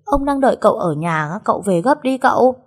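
A woman voicing a cheeky, dramatic young maid girl in a storybook reading, high-pitched and pleading. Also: animated, quick pace, breathy edge. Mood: whiny pleading.

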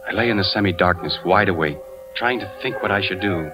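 Deep, brisk and lightly acted, the voice belongs to an American actor. He plays an insurance investigator, a suspicious and anguished husband, narrating his own story in tense, brooding first person in the manner of 1940s radio drama, over a dull vintage recording with music.

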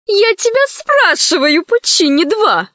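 A woman voicing a bossy, rejuvenated grandmother who scolds loudly and commands. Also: sits high, very animated, unhurried, no echo, dull audio, pitched above the performer's own voice, exaggerated voice. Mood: scolding.

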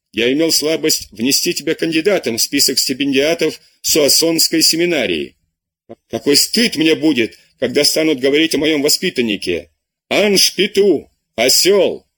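A man voicing an angry older abbé who scolds his lazy pupil in loud, indignant tirades, with a husky voice. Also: fairly high pitch, full character voice. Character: furious older male abbé tutor, scolding.

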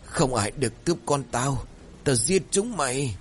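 A man's voice: fairly low pitch, animated, moderate pace, a little hiss or hum, natural voice. A man voicing a desperate village father who snarls threats to protect his child. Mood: furious.

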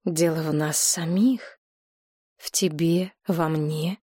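A woman's voice: low voice, steady tone, takes it slowly, dark tone, breathy edge, dry recording, studio quality, heavily acted. A woman voicing a grave, suspicious adult daughter who speaks grimly and questions pointedly in an audiobook. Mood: serious. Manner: grim and probing. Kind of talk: audiobook character reading.

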